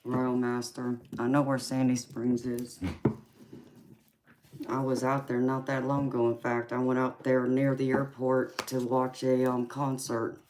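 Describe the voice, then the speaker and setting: A woman in her forties from California hosts a relaxed livestream, chatting with viewers and laughing often between remarks. Her voice sits unusually deep and stays flat in tone. Steady background noise and card shuffling are heard behind her. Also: a little slow. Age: 40s. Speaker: tarot reader and livestream host. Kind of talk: casual live chat reading viewer comments.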